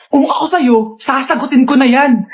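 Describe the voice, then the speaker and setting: Woman, very high voice, playful skit actor jumping between bratty and scolding roles. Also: steady tone, moderate pace. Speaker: skit performer voicing every part. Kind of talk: comedic skit acting.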